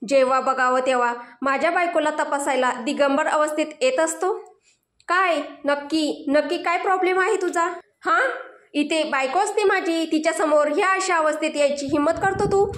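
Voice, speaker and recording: A woman's voice: sits high, normal speed, fairly bright tone, roomy sound. A woman playing a furious jealous husband. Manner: scolding, furious.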